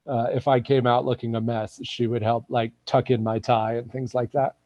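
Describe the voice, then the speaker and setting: A man with a mellow, relaxed tone tells stories from his time on stage. He sounds close and dry, but the video-call audio is dull and lo-fi. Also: medium pitch, moderate pace, no room sound. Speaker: actor. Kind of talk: casual video-call chat.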